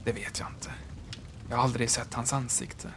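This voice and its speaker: A man reading an audiobook, voicing a lonely, haunted railway signalman who speaks low, barely above a whisper. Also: monotone, background noise, natural voice. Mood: hushed, uneasy. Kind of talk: audiobook character voice.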